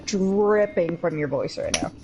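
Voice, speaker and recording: A woman's voice: on the low side, unhurried, over music, poor audio. A woman co-hosting a casual chat, teasing the host with dry, sarcastic quips. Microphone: remote from the host.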